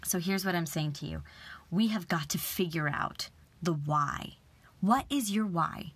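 A young woman giving an earnest, animated motivational talk, sometimes dropping to a whisper for emphasis. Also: lowish voice, measured pace, slightly rough. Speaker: motivational speaker.

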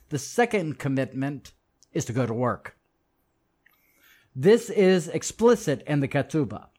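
A man with a voice pitched a little above the usual leads a lesson, reading passages aloud and breaking off to comment on them. He talks emphatically and often repeats a phrase for stress, turning to address his listeners directly. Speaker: religious teacher.

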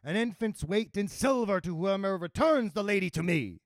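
A man's voice: sits high, expressive, normal speed, no echo, clean studio sound, pitched above the performer's own voice. A man voicing a pompous, desperate earl who blusters and pleads in a raised voice. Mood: scheming.

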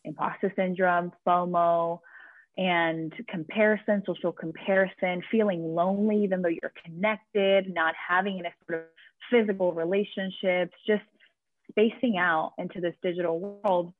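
A Venezuelan woman with a Venezuelan Spanish accent appears as a guest on a podcast interview, a career coach talking energetically with many restarts. Her lowish voice holds a steady tone at a moderate pace, over a dry, tinny, phone-like line with no room sound.

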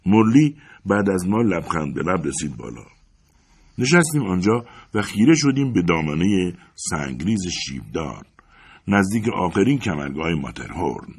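A man narrating a novel as an audiobook, in an expressive, dramatic reading style. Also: sits low, slightly rough.

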